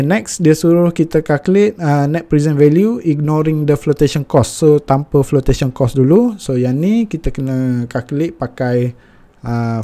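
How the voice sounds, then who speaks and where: A man's voice: mid-range voice, dark tone. A young Malaysian man with a Malaysian accent walking through a finance tutorial step by step, with many fillers.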